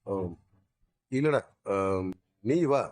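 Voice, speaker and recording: A man's voice: medium pitch, very slow, darkish tone. An actor playing a middle-aged father in a TV serial, firm and reassuring toward his worried family.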